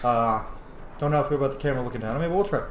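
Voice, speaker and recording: Recorded on a home camera setup in a room with noticeable echo, a man rattles off casual, rambling commentary as he plays a roleplay game. His medium-pitched voice races along, full of fillers and asides, with slight background noise.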